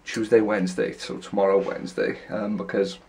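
Speaking fairly quickly in a flat, fairly low and slightly mellow voice, a young adult vlogger rambles casually in loose run-on sentences. His nose is congested and his throat sore as he films himself at arm's length in small rooms at home, with slight background noise.

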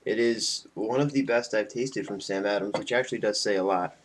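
Low-ish and fairly fast, this voice belongs to a man in his twenties who's a bit drunk on beer and rambling loosely to friends on his webcam vlog. The setting is a small room at home, and the arm's-length webcam mic carries faint noise.

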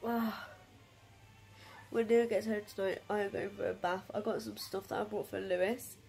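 A young British woman vlogs casually with a thoroughly stuffed-up nose from a cold. Her congested voice is gravelly with fry and sits at an average pitch. She sounds drained and self-deprecating. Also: steady tone, normal speed, a little mellow, soft background music. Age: 20s to 30s. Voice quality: heavily congested, blocked-nose voice. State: bad head cold with blocked nose. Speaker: vlogger and mother. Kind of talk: casual food diary vlog. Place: small living room, indoors. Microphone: phone at arm's length.

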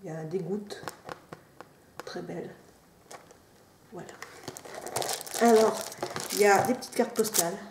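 A woman chatting casually through an unboxing, drifting into soft quiet asides. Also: mid-range voice, a little slow, gravelly, pauses often. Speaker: unboxing vlogger. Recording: roomy echo, faint noise.

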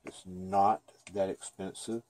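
A man's voice: sits low, little pitch movement, slow, a little mellow, slight background noise. A man giving a casual, chatty painting lesson at his easel, thinking aloud as he works. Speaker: painting instructor. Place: dim room at an easel.

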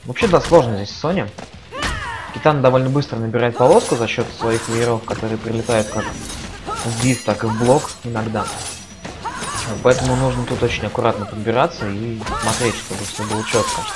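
A man's voice: mid-range voice, fairly even intonation, fairly quick. A man giving casual live commentary on a fighting game, talking in a conversational, analytical way. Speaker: esports commentator. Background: game music.

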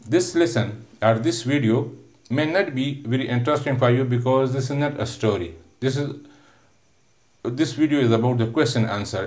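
A man's voice: medium pitch, a little mellow. Male English teacher for a recorded lesson: patient, repetitive, lots of "uh" fillers, stretches words to break them into syllables. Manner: patient, repetitive, explains word by word with many "uh" fillers; drawn-out syllable sounding when teaching pronunciation. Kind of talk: recorded online classroom lesson.

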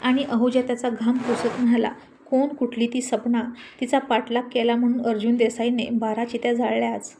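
A woman narrating a dramatic story in a vivid, expressive reading voice. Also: on the high side.

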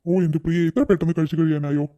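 A performer voicing a young husband and son in a cartoon who answers quickly and defensively. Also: medium pitch, fairly even intonation, dark tone, dull audio, close to an everyday voice. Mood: friendly. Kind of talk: cartoon voice acting.

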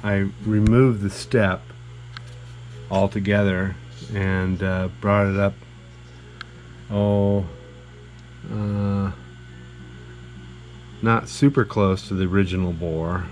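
Low flat-voiced machinist in a noisy shop. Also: male voice. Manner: plain, halting with many fillers. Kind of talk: casual shop explanation. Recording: noisy workshop.

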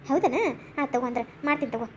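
A woman as a rapid-fire fussing village aunty. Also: high voice, a little mellow, dull audio, a little hiss or hum, natural voice. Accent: North Karnataka. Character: chatty village aunty, eager hostess. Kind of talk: cartoon comedy voice acting.

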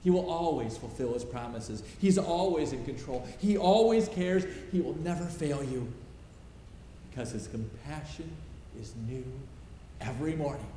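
Middle-aged male pastor, emphatic sermon, dark mellow voice, long church echo. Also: on the high side, expressive, normal speed. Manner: emphatic, repeating short phrases. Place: large church sanctuary, at a pulpit. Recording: roomy church reverb, faint hiss.

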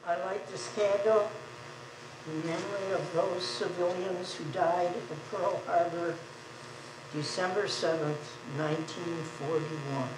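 An older woman representing civilians, reciting a solemn candle-lighting dedication slowly and deliberately. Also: fairly low pitch, steady tone. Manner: slow, deliberate. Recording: echoey hall from far off with hum.

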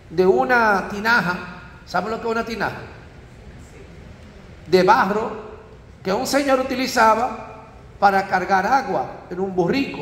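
A priest giving a parish talk, telling stories and checking in with the audience. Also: male voice, high-pitched, fairly bright tone. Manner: storytelling, asks audience with frequent tag "¿eh?". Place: church. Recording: echoey church hall.

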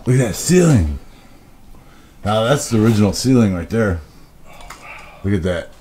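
Low-voiced man pointing things out. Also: expressive, dark tone. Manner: pointing things out, quick exclamations. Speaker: urban explorer. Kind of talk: casual exploring chatter. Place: derelict building indoors. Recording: echoey room, noisy.

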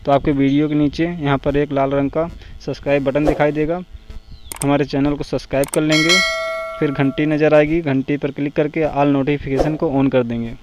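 A man hosting a phone tutorial, explaining each step steadily and checking in with "theek hai" as he goes. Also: on the high side. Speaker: tech tutorial host. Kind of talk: screen-recorded phone tutorial. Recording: dull lo-fi voice-over with faint noise.

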